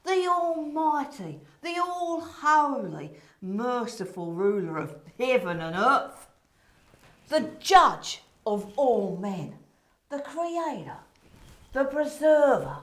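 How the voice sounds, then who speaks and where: Woman doing a bossy gushing saint peter in a comedy play, highish voice, slow dramatic delivery, giggly. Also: very animated. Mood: grandly emphatic. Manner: theatrical, emphatic, gushing, giggly. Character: bubbly, bossy Saint Peter interviewing for a new God. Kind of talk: comic stage acting.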